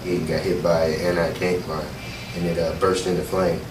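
A young American man gives halting first-person testimony as a soldier, his very low voice breaking into fillers and restarts. He sits some distance from the mic in a roomy space. A faint hiss runs underneath. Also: little pitch movement. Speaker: soldier recounting combat.

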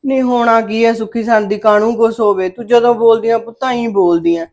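A woman's voice: on the high side, steady tone, a little fast, close to an everyday voice. A woman playing a worried, scheming village mother who scolds and coaxes her daughter in a family drama. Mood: coaxing, scolding. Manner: fretful, scolding, loud when calling out. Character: scheming middle-aged village mother, worried and sharp-tongued.

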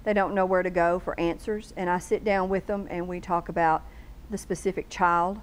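A woman's voice: lowish voice, steady tone, normal speed, rough recording. A woman, a guest on a local TV talk show, explaining things earnestly and laying out long lists of questions in a studio. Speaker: homeschool bookstore guest. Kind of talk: casual TV interview chat.

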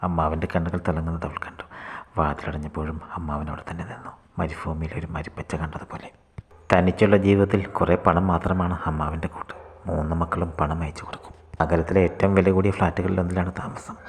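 A male storyteller reads a short story in a very husky, breathy voice that keeps slipping into a whisper. His pitch sits low and barely moves. He reads quickly. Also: flat delivery.

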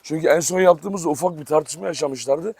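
A man hosts a casual dog-farm vlog in an outdoor yard, chatting with viewers and affectionately coaxing his dogs. His voice is a little high and a little mellow, a touch fast, and the outdoor recording is noisy.

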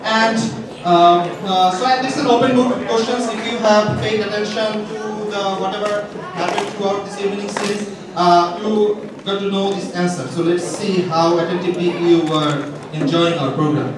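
A man's voice: sits high, fairly even intonation, normal speed. A young man hosting a live quiz as a game show host, calling up contestants from the stage. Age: young adult. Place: large indoor auditorium stage. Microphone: handheld microphone through PA, recorded by audience camera. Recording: echoey hall from far off, crowd noise.

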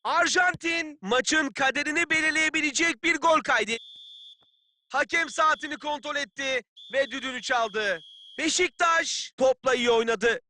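An actor playing a keen football play-by-play announcer in a video game, calling the match in clipped phrases. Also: male voice, very high voice, unhurried, pushed and bright, no echo, full character voice. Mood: composed.

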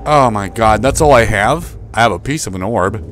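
A man's voice: fairly low pitch, animated, normal speed, soft background music. Panicky, swearing young man playing a horror game. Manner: profane, panicky, swearing and shouting at monsters. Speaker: game streamer.

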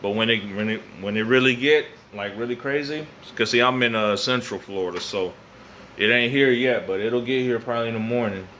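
A man's voice: medium pitch, brisk, sharp tone. An American man in his thirties rambling casually to camera in slang, repeating phrases for emphasis, on a phone held at arm's length in an open garage. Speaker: vlogger. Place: open garage at night, windy weather. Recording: noisy phone recording with outdoor ambience.

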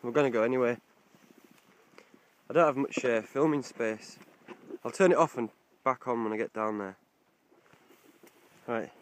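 Chatting to the phone in his hand, a young wild camper vlogs from a coastal hillside, swearing here and there and laughing easily. He talks at normal speed in a mid-range voice, pausing often, over slight background noise.

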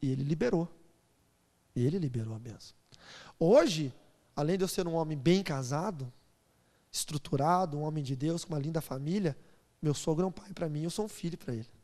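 A man in his thirties preaches from the pulpit, his voice high and bright as he slips into playful impressions of the people in his stories. He builds from chatty anecdote to loud, fervent proclamation. His words ring out with a long reverb through a large church hall. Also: lively intonation, brisk, pauses often. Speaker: pastor. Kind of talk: sermon with storytelling.

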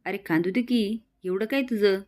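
A woman's voice: mid-range voice, moderate pace, a little mellow, close to an everyday voice. A woman reading a scolding old village grandmother. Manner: scolding, defensive.

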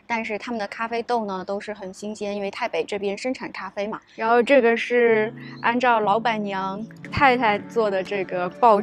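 Soft music plays under this casual vlog, where a thirtysomething travel vlogger from Shanghai, China, chats upbeat straight to viewers in Shanghai Mandarin-accented speech. Her voice is mid-range, recorded on a small clip-on shirt mic in a largely outdoor garden and wooden café.

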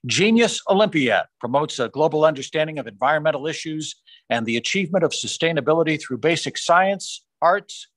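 A man formally reading out science fair award winners on a video call, rising in pitch on each school name. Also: lively intonation, a bit bright, no echo. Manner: measured, formal announcing, rising on school names. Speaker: awards announcer. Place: small room on a video call. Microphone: video call microphone.

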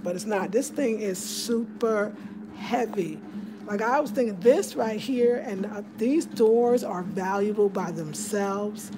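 A woman giving a chatty, excitable home tour to her viewers, filmed on a handheld phone in a small room. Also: mid-range voice, takes it slowly, noisy background. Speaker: home decor vlogger. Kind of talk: casual home tour vlog. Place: small room of a house indoors. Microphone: handheld phone camera.

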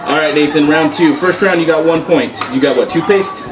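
A man's voice: a little high, a little fast, music in the background, a crowd in the background, low-quality recording. A man in his thirties hosting a casual, playful challenge game, bantering at a table indoors. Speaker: game show host. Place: indoor room at a table, seated.

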